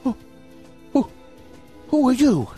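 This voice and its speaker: Man playing Scrooge, high-pitched, wildly swooping miserly boss. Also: sing-song, slow, breathy edge, faint music behind, full character voice. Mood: startled, flustered. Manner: haughty, sharp, scolding, fussy. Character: miserly, bullying male radio station boss. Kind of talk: audio drama acting.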